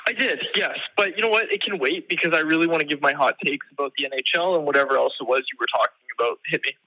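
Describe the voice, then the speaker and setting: A man's voice: on the high side, fast, pushed and bright, no room sound, rough recording. A man heard over a speakerphone call as an impromptu podcast guest, bantering casually and riffing jokes.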